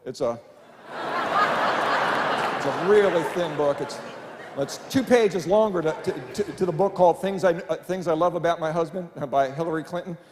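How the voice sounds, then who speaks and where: A man's voice: a little high, moderate pace, pauses often, a crowd in the background. A middle-aged man doing family-friendly stand-up comedy, chatty and self-deprecating, on a church stage before a live audience. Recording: live hall with long reverb and faint room noise.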